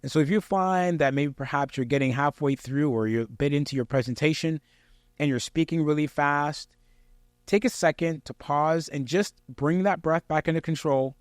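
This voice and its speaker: Man with higher-pitched, projected presenter voice, dry sound. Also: moderate pace, dry recording. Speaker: presenter giving public speaking tips. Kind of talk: conversational instructional talk to camera.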